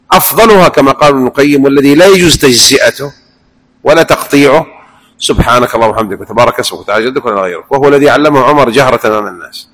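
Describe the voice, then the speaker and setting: A man teaching a religious lesson, animated and acting out the recitations he describes. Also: mid-range voice, poor audio. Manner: animated, demonstrates recitations aloud. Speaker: preacher.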